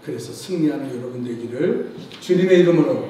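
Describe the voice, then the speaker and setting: A man's voice: mid-range voice, lively intonation, brisk, mellow, a little hiss or hum. A male pastor preaching a sermon, telling stories emphatically and often prompting the congregation for a response. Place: church sanctuary. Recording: very echoey church hall, distant mic.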